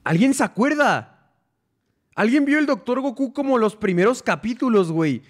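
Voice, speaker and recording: A young man with a Mexican accent hosts a loose livestream and reads viewer stories aloud. His voice sits high and his talk is packed with slang and casual swearing. He laughs often between lines. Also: expressive, moderate pace. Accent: Mexican Spanish. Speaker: streamer.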